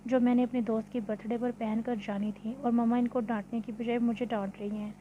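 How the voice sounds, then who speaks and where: A woman's voice: a little high, level tone, brisk, dull audio, a little hiss or hum, close to an everyday voice. A woman voicing a spoiled, hot-tempered rich young woman in a read-aloud novel, with demanding, scolding lines. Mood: angry.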